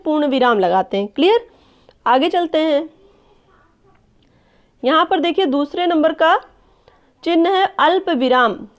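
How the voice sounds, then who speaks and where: A woman teacher giving an online lesson, explaining step by step, addressing viewers as friends and often checking with "clear?". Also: high-pitched. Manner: checks understanding with a repeated "clear?". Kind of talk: online exam-prep lesson. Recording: dull lo-fi recording.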